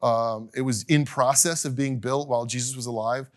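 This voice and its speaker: A middle-aged man teaching a casual class, chatty and animated, acting out little quotes and laughing now and then. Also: mid-range voice, moderate pace.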